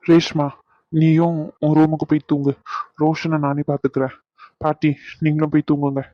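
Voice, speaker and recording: A woman's voice: sits low, little pitch movement, moderate pace, no room sound, natural voice. A woman voicing a weary, exasperated young husband for a cartoon. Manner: weary, pleading. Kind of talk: cartoon voice acting. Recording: dull lo-fi recording.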